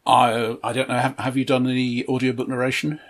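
A man, a tabletop game master, talking in a measured way in a casual chat, often stammering on his first words. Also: mid-range voice, little pitch movement.

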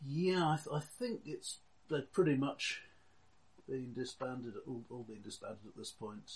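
A man explaining things casually as a game master, in a halting, deliberate way. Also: medium pitch, fairly even intonation. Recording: clearly noisy background with clicks.

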